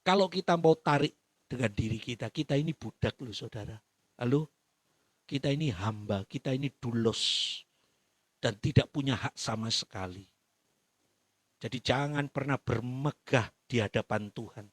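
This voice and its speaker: A man's voice: medium pitch, moderate pace, long pauses, dry recording. A man with an East Javanese accent preaching a sermon in church, telling the story with animation and calling out to the congregation. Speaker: pastor.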